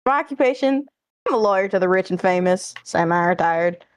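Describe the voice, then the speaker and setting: A woman's voice: on the low side, animated, a little fast, dry recording, natural voice. Woman acting a smug, wisecracking lawyer to the rich. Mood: breezy, playful. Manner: wry, flippant, wisecracking. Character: smug, worldly female lawyer to the rich and infamous. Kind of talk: fan dub character acting.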